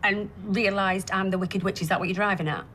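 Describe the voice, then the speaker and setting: A woman's voice: medium pitch, fairly even intonation, brisk, fairly bright tone, a little hiss or hum, close to an everyday voice. An actress playing a defensive, exasperated woman in a TV soap, indignant and biting. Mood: sarcastic. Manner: indignant, sarcastic. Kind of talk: television soap drama.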